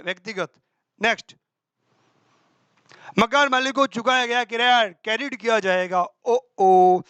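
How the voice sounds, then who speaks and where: A male teacher running a quick exam-prep accounting class, quizzing himself aloud and answering in a student's voice, with homely examples. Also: extremely high pitch, bright, forceful tone, clean tone, dry recording. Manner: brisk and colloquial, with homely examples.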